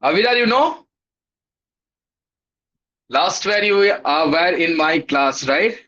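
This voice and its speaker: Indian accent guy teaching kids online, kinda high voice, upbeat and encouraging, bit muffled lo-fi sound. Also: lively intonation, takes it slowly, sharp tone. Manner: upbeat and encouraging, with repeated greetings and praise. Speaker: teacher of an online class for schoolchildren. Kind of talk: casual greeting and roll call in a live online class. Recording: dull, lo-fi online class audio.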